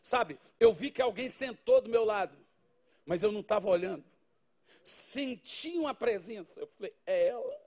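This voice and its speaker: A man, a pastor telling a funny testimony in a sermon, animated, with loud bursts of exclamation. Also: high voice, moderate pace. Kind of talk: humorous preaching testimony.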